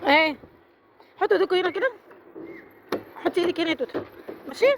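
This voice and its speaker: A woman's voice: very high-pitched, quick pace, background noise. A woman with an Egyptian accent running a family party game, teasing and bossing the players playfully. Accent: Egyptian Arabic. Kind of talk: casual family chat.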